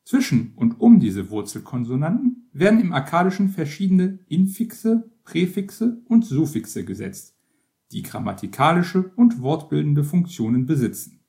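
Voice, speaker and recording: A man reading an encyclopedia-style text aloud as scripted narration, in a measured, list-like way. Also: on the high side, sing-song, mellow. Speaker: reader.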